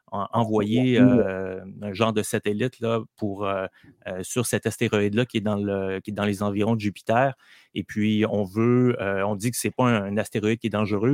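A man's voice: on the low side, no echo, clean studio sound. A man explaining a news item on morning radio, hesitant, with many fillers and restarts. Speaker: radio columnist. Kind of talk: casual radio commentary.

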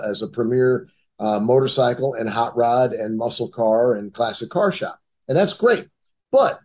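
A man's voice: medium pitch, warm tone. A middle-aged man from the Cleveland and Detroit area, telling his own story in a casual, rambling way with many restarts.

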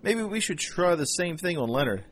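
A man's voice: high-pitched, very animated, moderate pace. An actor playing a male special agent who speaks in a dry, matter-of-fact way in an amateur audio drama.

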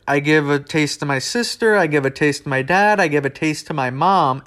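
Young guy rambling thru his money podcast, bit higher voice, chatty, wanders off on tangents. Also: fairly bright tone. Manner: rambling and conversational, with asides. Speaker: podcast host. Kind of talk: casual solo podcast talk.

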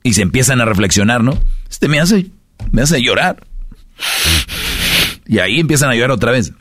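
A man's voice: medium pitch, lively intonation, moderate pace, fairly bright tone, dry recording. A man with a Mexican Spanish accent hosting a casual podcast, lecturing his listeners with rhetorical questions. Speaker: podcast host.

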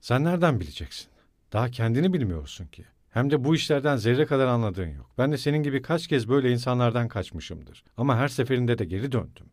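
A man voicing a hot-tempered, loyal young male student who shouts, scolds and pleads in a loud, blustering way, in a dry audiobook recording. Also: mid-range voice, animated, quick pace, dry recording. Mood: insistent.

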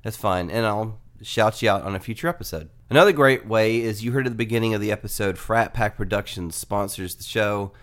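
A man with a nasal, fairly low voice talks through a casual plug for his podcast. He jokes and drifts into quick asides as he goes. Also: a bit bright. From Atlanta area. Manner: joking, conversational, asides. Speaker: podcast host. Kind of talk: casual promo read.

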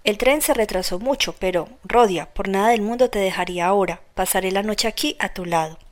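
A woman's voice: medium pitch, brisk, natural voice. Woman narrator voicing a worried middle-aged mother, pleading, anxious, storybook reading.

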